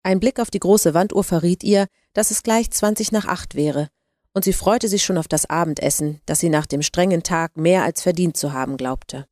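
Mellow woman narrating. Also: on the low side, moderate pace, no echo, studio quality. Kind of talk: audiobook narration.

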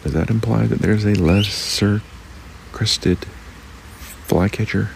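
A man with a hoarse, croaky frog voice, hosting a reflective, unscripted solo podcast. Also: fairly low pitch, fairly even intonation, slow pace, background noise. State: temporarily hoarse. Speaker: podcast host.

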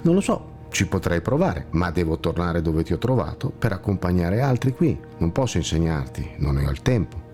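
A man voicing a gentle, kindly blind monk with a slightly ironic touch, who guides a companion with calm reassurance in a storybook tale. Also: deep voice, normal speed, faint music behind.

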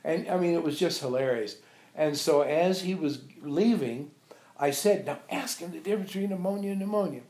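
A little high, a little fast and a little mellow, the voice belongs to an older monk and abbot remembering his teacher. He tells a small group informal anecdotes, animatedly voicing the quoted lines, in an echoey room with a few visitors.

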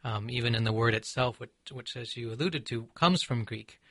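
A man from Seattle, an author and poet being interviewed, who speaks in a measured, reflective way with frequent pauses and ums. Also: medium pitch, sharp tone, dry recording. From Seattle, USA. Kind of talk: thoughtful conversational interview.

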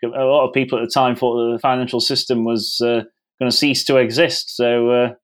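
A man's voice: mid-range voice, level tone, fairly quick. A man hosting a podcast and putting questions to a guest in a conversational way. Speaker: podcast host, interviewer. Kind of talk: conversational interview.

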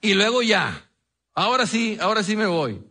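A man's voice: sits high, sing-song, moderate pace, bright, forceful tone. A man, preaching an earnest, emphatic sermon to his congregation. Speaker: pastor.

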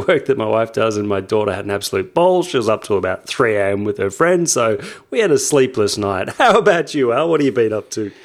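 Lively-voiced man co-hosting. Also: on the low side. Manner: lively, laughing, chatty. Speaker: podcast co-host. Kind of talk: casual chat.

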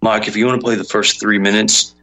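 Male host, casual setup talk, lowish voice, bright and forceful. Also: flat delivery, brisk, poor audio. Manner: loose, repeats words while setting up. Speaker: show host. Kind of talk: casual talk-show chat.

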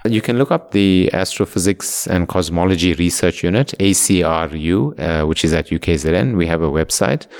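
A male professor with a very low, smooth and resonant voice gives interview answers. He speaks thoughtfully and fills his pauses with small hesitations. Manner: thoughtful, many fillers like uh and you know.

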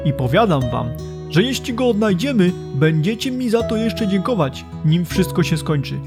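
A man's voice: sits high, big pitch swings, normal speed, over music, pitched above the performer's own voice. A man reading aloud as a stern old male wizard who scolds his companions. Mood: angry.

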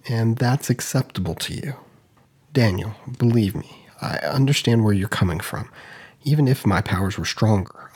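A male narrator voicing a calm, caring man who gently reasons with a friend. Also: lowish voice, slightly rough.

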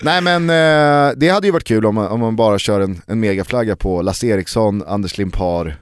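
A man hosting a casual podcast chat, animated and joking, often pausing on fillers as he builds his point. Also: fairly low pitch, clean tone, no echo. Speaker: podcast host.

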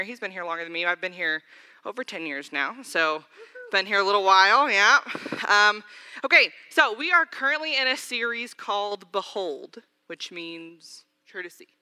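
A woman gives a sermon in a church sanctuary, in a very bright, sharp voice. Her delivery is loose and conversational, full of side comments. A long reverb from the large hall trails after her words. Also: mid-range voice, clean tone. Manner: casual, chatty preaching with asides. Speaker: preacher.

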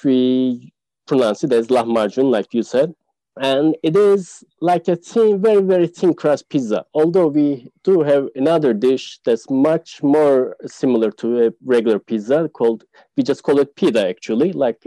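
A man speaks as a guest on a casual podcast, describing local dishes and pausing often on "uh". His voice is very dark and mellow. The sound is dry and close, with little room in it. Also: medium pitch, no echo, poor audio. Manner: explanatory, many "uh" fillers. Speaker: tour guide guest.

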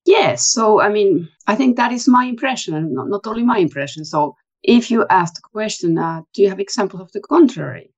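A woman academic, a guest on an interview podcast, speaking in a measured, thoughtful way. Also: mid-range voice, animated, dull audio. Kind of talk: interview conversation.

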